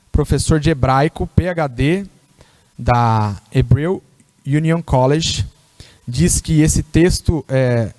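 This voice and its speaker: A man's voice: mid-range voice, mellow, no echo. A man giving a sermon in a church, teaching and often checking that the congregation follows. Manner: teacherly, asks the congregation questions. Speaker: preacher.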